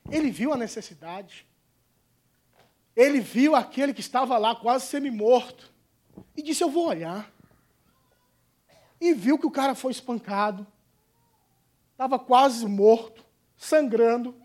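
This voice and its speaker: A male pastor, preaching a fiery, colloquial sermon in a church that swings between shouts and hushed asides. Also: extremely high pitch, unhurried, long pauses.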